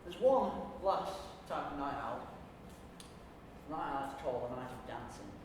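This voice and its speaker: A young man telling a stand-up comedy story to a live audience, animated and talking straight to them. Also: medium pitch, a little slow. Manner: animated, addresses audience as "you". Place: theatre stage with live audience. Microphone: far from the mic. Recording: echoey theatre hall, distant mic, audience noise. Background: audience laughter.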